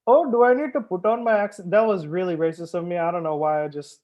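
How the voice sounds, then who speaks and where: Through dull-sounding audio comes a quick-paced, high-sitting male voice: a sommelier host running a live wine tasting. He banters with viewers, replies to comments, cracks jokes and occasionally curses.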